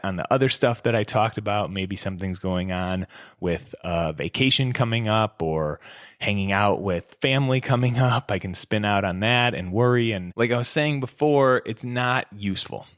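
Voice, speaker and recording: A man's voice: on the low side, no room sound, clean studio sound. A man in his thirties hosting a podcast as a coach, talking in a candid, reflective, conversational way. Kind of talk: casual solo podcast talk.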